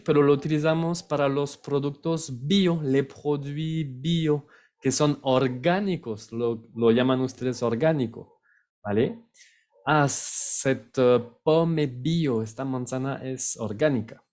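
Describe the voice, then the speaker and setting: A French-accented man teaching a language lesson to camera, a native speaker who takes his time. He talks unhurriedly at a middle pitch, patiently repeating each word and its long form. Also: a little mellow. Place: on camera, recording a video lesson.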